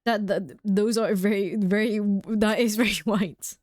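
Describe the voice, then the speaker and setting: Her mid-range voice is darkish in tone and measured in pace, recorded dry with clean studio sound. A young woman from the United Kingdom, she's streaming a game at home, chatting and giggling with viewers and saying "like" constantly.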